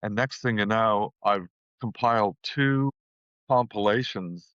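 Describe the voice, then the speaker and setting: Low-voiced man telling a rambling story. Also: a little slow, fairly bright tone, clean tone, no room sound. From New Zealand. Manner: rambling, repeats phrases. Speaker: guest musician. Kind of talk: casual storytelling in an interview. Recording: dull, dry lo-fi sound.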